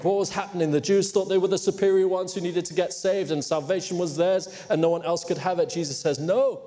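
In a church with long, hall-like reverb, a Hong Kong-born male pastor delivers a forceful sermon, poking fun at his listeners at times. His voice sits high and sounds mellow.

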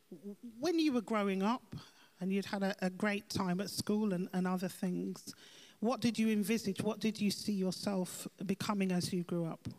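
Encouraging church interviewer. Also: medium pitch.

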